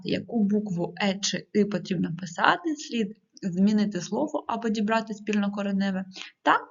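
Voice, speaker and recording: Calm woman teacher, dull lo-fi audio. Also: medium pitch, vocal fry. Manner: calm, explanatory, with hesitating fillers. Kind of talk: recorded online lesson.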